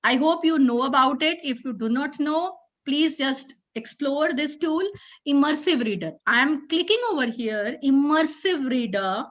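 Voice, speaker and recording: A woman's voice: high voice, expressive, unhurried. A woman with an Indian accent presenting a teacher-training session over a video call, explaining patiently step by step and checking in often. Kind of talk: online teaching demo.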